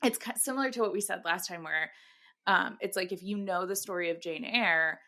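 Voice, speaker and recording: A woman co-hosting a podcast chats casually about books, informal and quick to poke fun at herself. Her voice sits on the low side, with a brisk pace and a sharp tone.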